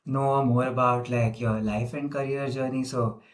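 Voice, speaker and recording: A man's voice: mid-range voice, fairly even intonation, unhurried, slight background noise. A man interviewing a guest in casual chat, talking loosely with many "like" fillers. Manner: chatty, filler-heavy with "like".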